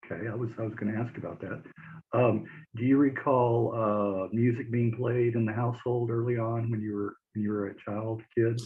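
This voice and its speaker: Male podcast host, 40s, casual and halting, narrow phone-like sound from a webcam call. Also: mid-range voice, steady tone. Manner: friendly, halting, laughs easily. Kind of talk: interview hosting. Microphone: video call. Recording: tinny phone-like line.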